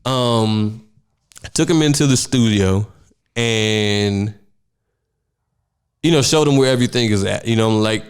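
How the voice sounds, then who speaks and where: A man's voice: fairly low pitch, normal speed, pauses often, clear, resonant tone. A young man, a radio DJ, casually telling a story on a podcast with a lot of swearing. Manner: animated, profane, acts out voices in his stories. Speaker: radio DJ and guest.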